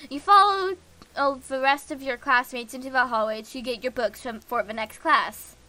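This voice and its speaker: Her voice sits high and sounds bright and forceful as she moves at a moderate pace through a visual novel on stream. She voices all the parts and the narration on her own, with frequent small slips and restarts along the way.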